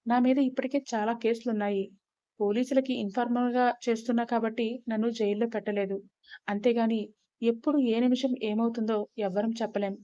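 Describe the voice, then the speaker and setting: A woman voicing a gruff young rowdy. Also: on the high side, steady tone, brisk, mellow, dry recording, lo-fi sound, lightly acted. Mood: firm.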